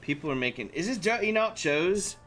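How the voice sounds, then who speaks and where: A man's voice: sits high, lively intonation, fairly quick, a bit bright, faint music behind. A man hosting a casual live stream, rambling with many fillers and restarts. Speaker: streamer host.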